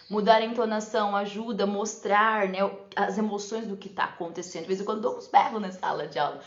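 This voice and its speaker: A chatty woman teacher talks through teaching ideas in a relaxed live session, often tagging her sentences with little check-ins. Her voice sits at an ordinary middle pitch. The room sounds echoey and the audio is slightly dull, like a lo-fi stream. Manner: chatty, often adds "né?" and laughs.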